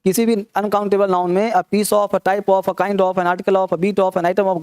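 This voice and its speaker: A man's voice: sits high, a little mellow, smooth, dry recording, clean studio sound. A man teaching an English grammar class, teasing and scolding his students as he quizzes them with rhetorical questions. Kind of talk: classroom lecture.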